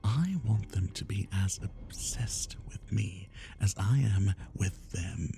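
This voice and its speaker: Fully in character, a man with a fairly low, warm voice delivers an ASMR roleplay monologue as an obsessive, lovesick kidnapper, sounding possessive and menacing. He speaks breathily, frequently dropping to a whisper and drawing out words with theatrical emphasis.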